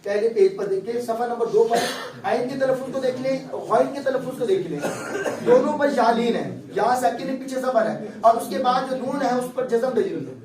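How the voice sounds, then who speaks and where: A man's voice: very high voice, hardly any pauses, a crowd in the background. A male recitation teacher giving a patient classroom lecture, explaining step by step and checking often that his students follow. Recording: echoey room, distant mic, faint background hum.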